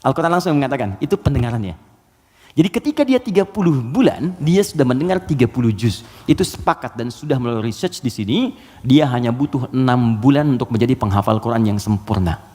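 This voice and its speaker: A male Islamic preacher giving a lively sermon to an audience, telling stories and chanting Quran verses. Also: medium pitch, fairly quick. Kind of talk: lecture sermon. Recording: long hall reverb.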